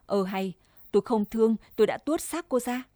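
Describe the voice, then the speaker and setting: A woman voicing a jealous village wife who berates her rival with sharp scorn. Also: fairly high pitch, expressive, normal speed, dry recording, studio quality, lightly acted. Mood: stern.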